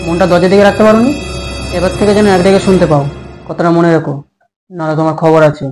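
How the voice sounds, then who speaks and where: A man playing a short-tempered young husband in a comic home drama, snapping and quick to take offence. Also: high-pitched, over music, natural voice. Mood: indignant.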